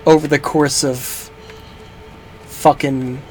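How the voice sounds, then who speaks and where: Slow-paced, profane game streamer with background noise. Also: mid-range voice, level tone. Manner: profane, joking, rambling. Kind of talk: casual live gameplay commentary.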